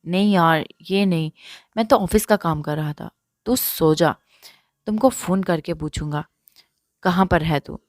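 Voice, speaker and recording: A woman's voice: on the low side, no room sound, studio quality, close to an everyday voice. A woman voicing an easygoing, teasing young man talking on the phone in an audiobook reading. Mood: playful.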